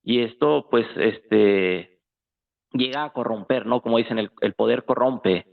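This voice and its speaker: Heard through thin, phone-like call audio, a Mexican-accented guest chats informally about politics. He talks a little slowly in a medium, gravelly, fry-tinged voice, frequently searching for his next word.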